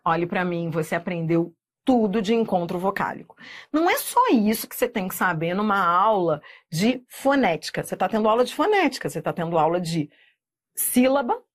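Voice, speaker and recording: A woman teaching Portuguese grammar in a video lesson, lively and emphatic, drawing out example words and checking in with the viewer. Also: mid-range voice, a little fast. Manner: asks rhetorical checks to the viewer.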